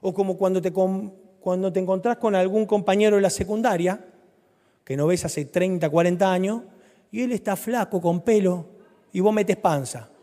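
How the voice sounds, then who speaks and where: A man with a Rioplatense Spanish accent preaching a sermon, swinging between loud, urgent lines and soft, low ones. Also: moderate pace. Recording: reverberant hall.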